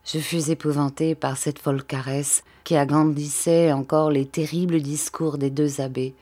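A woman narrating a classic novel as an audiobook, in a measured, steady reading. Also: deep voice. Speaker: audiobook reader. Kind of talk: scripted literary narration.

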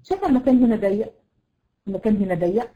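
An Egyptian woman teaching a tajweed lesson online to women students, explaining patiently and demonstrating letter sounds slowly. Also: medium pitch, very animated, dull audio. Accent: Egyptian Arabic. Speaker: Quran recitation teacher.

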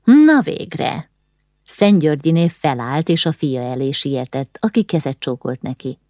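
A woman narrating an audiobook novel in a calm, even reading. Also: extremely low pitch, dry recording, clean studio sound. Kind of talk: scripted narration.

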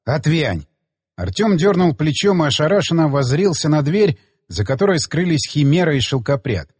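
A man narrating an audiobook with expressive storytelling. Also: fairly high pitch, brisk, slightly rough, dry recording, clean studio sound, big-room sound. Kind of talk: scripted narration.

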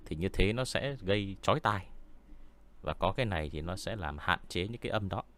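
A man with a deep voice, hosting a story-reading channel and chatting casually with viewers, unhurried and full of hesitant fillers. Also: expressive, fairly bright tone. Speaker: horror story reader and channel host. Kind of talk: casual livestream chat answering viewers. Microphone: studio mic with pop filter.

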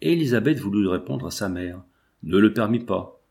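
A man giving a scripted, measured literary narration of a classic novel as an audiobook reader. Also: on the low side, lively intonation, creaky, a little mellow.

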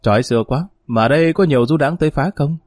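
A man voicing a brash young male hoodlum who talks in a rough, bossy swagger. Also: fairly high pitch, fast, darkish tone, no room sound, studio quality, lightly acted. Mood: mock-bossy.

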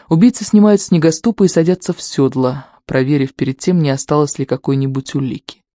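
An audiobook narrator reads scripted prose in a steady, measured way. The tone is mellow and dark. The recording is dry and close to the mic. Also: mid-range voice, no room sound.

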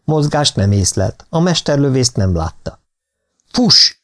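A man narrating a thriller audiobook in a steady, even reading style. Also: mid-range voice. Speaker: audiobook reader.

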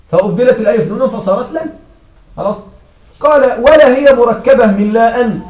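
A man's voice: high-pitched, darkish tone. A man teaching an Arabic grammar lesson to a class, often stopping to check that his students follow. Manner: checks understanding with frequent questions to students. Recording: echoey room from far off.

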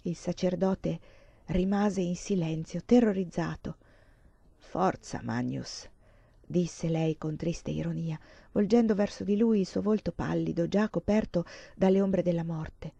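Mellow-voiced woman reading a novel. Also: lowish voice, steady tone, normal speed, vocal fry, husky, no room sound. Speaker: audiobook reader. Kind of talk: audiobook narration.

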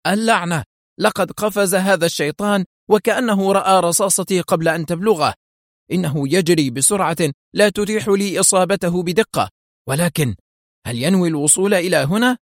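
A man's voice: high-pitched, brisk, no echo, pitched above the performer's own voice. A lean gunman cursing and snarling in a raised, tight voice, as a male narrator puts him on. Recorded close and dry. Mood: fierce. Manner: angry snarling. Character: thin male sniper, fierce and cursing.

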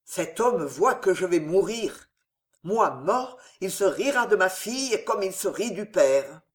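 A reader voicing a proud dying old nobleman in an audiobook, declaiming loudly with anguish. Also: medium pitch, expressive, unhurried, lightly acted. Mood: indignant. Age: older. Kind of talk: audiobook character reading.

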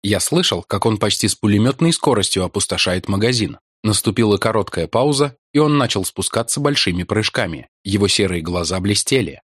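A man reading an adventure audiobook in measured, even scripted narration. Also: lowish voice, breathy edge, dry recording, clean studio sound.

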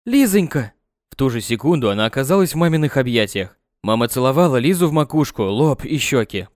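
A man narrating an audiobook with an expressive reading on a close mic. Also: medium pitch, dry recording.

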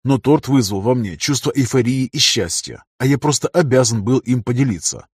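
Man, audiobook narrator, first-person narration, measured, husky voice, dry close recording. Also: medium pitch, expressive, a little mellow, no echo.

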